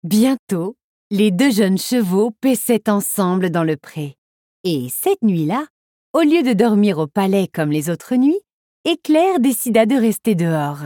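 A woman narrates a children's storybook with a very animated, melodic delivery. The recording is dry and close, with no room sound. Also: medium pitch, measured pace, no echo.

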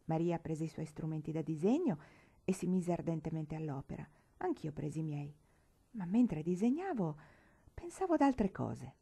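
A woman reading a classic novel aloud in first-person narration, measured and unhurried. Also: deep voice, expressive, vocal fry, dark tone, slightly rough. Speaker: audiobook reader.

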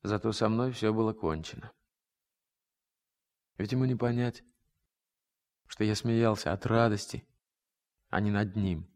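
A man's voice: on the low side, a little slow, long pauses, darkish tone. A man narrating a first-person story in a radio drama, in a reflective, rueful tone.

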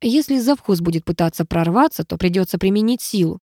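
A woman narrating an audiobook in lively first-person storytelling. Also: lowish voice, fairly quick, no room sound, clean studio sound.

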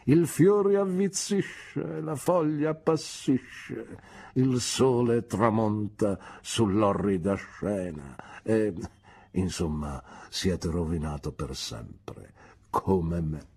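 A woman's voice: extremely low pitch, warm tone, pitched above the performer's own voice, exaggerated voice. A woman voicing a pompous, declaiming middle-aged man. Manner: theatrical, declaiming, slow and emphatic. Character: pompous, grandiloquent middle-aged man, genial but ruined. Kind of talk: audiobook character reading.

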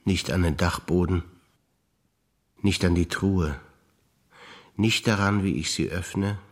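An older man with a low voice, a stage actor, recites memories, listing them in a rhythmic, deliberate way with pauses between.

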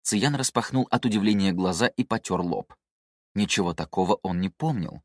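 A man narrating a novel in a measured, steady reading voice. His pitch is low and the sound is dry and close to the mic. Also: no echo. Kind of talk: audiobook narration.

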